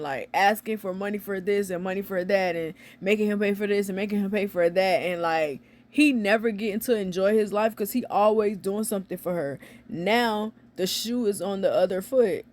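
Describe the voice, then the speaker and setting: A movie reviewer retelling a film's plot in a casual, filler-heavy way, with frequent "like" and blunt, opinionated asides. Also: mid-range voice. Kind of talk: casual real-time movie recap.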